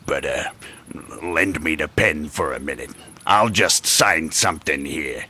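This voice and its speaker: A man voicing a grumpy, fussy old male studio clerk in a game, excitable and prone to shouting, with a husky voice. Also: a bass voice, a little slow, full character voice. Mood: fussy excited. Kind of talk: game voice acting.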